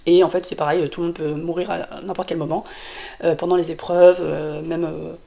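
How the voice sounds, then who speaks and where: Her voice sits low and dark, with vocal fry, little pitch movement and a moderate pace. She's a book vlogger casually reviewing a fantasy novel to camera while nursing a sore throat from a cold, rambling chattily with lots of fillers and restarts.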